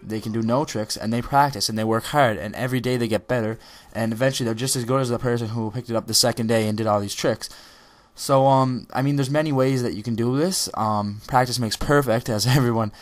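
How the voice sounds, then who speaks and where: Speaking briskly in a steady, medium-pitched voice, a teenage gaming YouTuber delivers loose motivational chatter over gameplay. The talk wanders, with plenty of filler ums and restarted thoughts.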